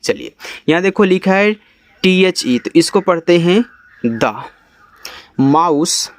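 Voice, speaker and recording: A man from India teaching English reading, spelling each word letter by letter and then sounding it out slowly. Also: sits high, lively intonation, no echo. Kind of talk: step-by-step spelling lesson.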